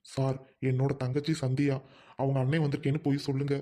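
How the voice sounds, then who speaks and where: Brief: humble village brother, acted by a woman, low and dark, quick earnest talk. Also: level tone. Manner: earnest, pleading, affectionate. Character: poor, kind-hearted village older brother. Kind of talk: family drama skit.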